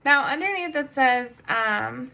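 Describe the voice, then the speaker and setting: A woman's voice: high-pitched, lively intonation, vocal fry, pushed and bright. A woman teaching a phonics lesson to kindergarten children, patiently prompting them with questions. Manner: slow, sing-song, patient prompting with questions.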